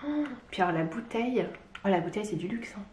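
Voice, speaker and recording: Excitable woman gushing over an unboxing. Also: medium pitch, fast, slight background noise. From Lyon, France. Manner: excitable, gushing, with little squeals and exclamations. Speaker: beauty vlogger. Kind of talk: casual unboxing chat. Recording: echoey room.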